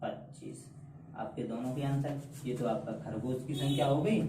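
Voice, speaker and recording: A man's voice: medium pitch, normal speed, echoey room, distant mic, background noise. A man teaching a math lesson at a board, emphatic, repeating key answers and calling his students "beta". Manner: calls students beta, mocks shortcut tricks.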